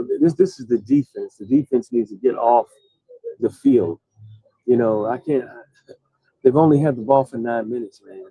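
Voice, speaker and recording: Male sports stream host, worn out, mid-pitched, rambling delivery; dry, dull lo-fi audio. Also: mellow, dry recording. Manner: rambling, many restarts and fillers. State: tired. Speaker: host reading live chat. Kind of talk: casual live-stream sports chat. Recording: dull, lo-fi sound.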